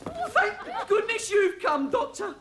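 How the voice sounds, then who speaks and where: A man's voice: very high voice, very animated, slow, heavily acted. A cheeky airman orderly. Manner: cheeky, exasperated. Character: put-upon airman orderly, cheeky and flustered. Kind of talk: 1970s sitcom acting. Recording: noisy TV recording with audience laughter.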